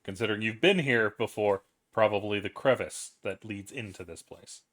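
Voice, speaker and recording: A man with a somewhat low voice acts as game master of a tabletop role-playing game. He narrates settings and answers players in a conversational way. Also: normal speed, fairly bright tone.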